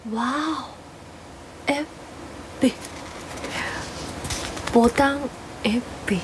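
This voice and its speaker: Bubbly hoarse young woman streamer. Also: sits high, noisy background. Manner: bubbly, reads out and thanks viewers for gifts; playful exclamations and cute drawn-out reactions. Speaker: live streamer, former idol. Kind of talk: casual live-stream chat.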